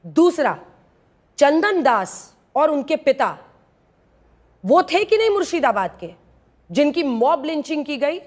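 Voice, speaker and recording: A woman news anchor moderating a heated TV debate, pressing a panelist and cutting in with sharp questions. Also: high-pitched, sing-song, slow pace, long pauses.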